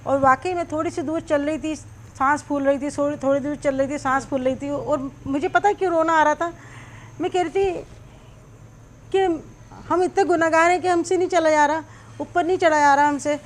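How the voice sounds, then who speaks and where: A woman's voice: high voice, fairly even intonation, normal speed, a little hiss or hum. A middle-aged woman, host of a cooking channel, chattily telling a long personal story while she cooks, with many small fillers.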